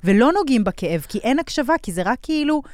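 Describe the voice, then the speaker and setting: A woman's voice: on the high side, very animated, darkish tone, no room sound, studio quality. A woman co-hosting a podcast in casual chat, reflective and full of fillers. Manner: reflective, uses many fillers. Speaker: podcast co-host.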